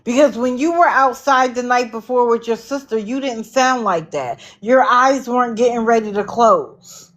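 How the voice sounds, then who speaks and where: A woman's voice: on the high side, normal speed, few pauses. Sarcastic woman hosting a livestream. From Connecticut, US. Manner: sarcastic, animated storytelling. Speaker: livestream host. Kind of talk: casual livestream commentary.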